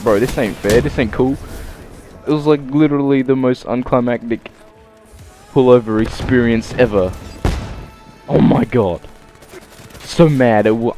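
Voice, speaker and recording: A man's voice: medium pitch, a little mellow. A young Australian man casually telling a story on his vlog, swearing freely and acting out what people said. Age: young adult. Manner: swears freely, acts out quotes in voices. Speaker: vlogger.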